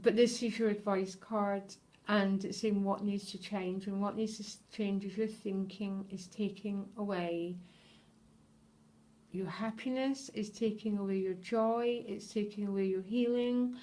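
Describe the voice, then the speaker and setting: A woman's voice: mid-range voice, fairly even intonation, a little slow, mellow. Earnest, emotional woman reading tarot. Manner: earnest and emotional, keeps checking in with viewers. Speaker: tarot reader. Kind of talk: tarot reading addressed to viewers.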